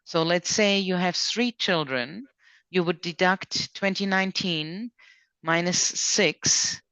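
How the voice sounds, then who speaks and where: Presenting an informal online question session, this woman reads questions and lays out the rules in order. Her voice is fairly low, a bit bright and smooth, and she speaks slowly. The video-call recording is dry and dull.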